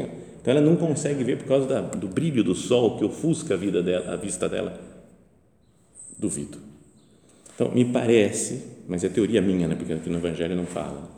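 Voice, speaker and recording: Priest preaching in an echoey church. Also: male voice, low voice, creaky. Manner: conversational, animated storytelling with acted quotes. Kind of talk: homily. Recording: echoey church with long reverb.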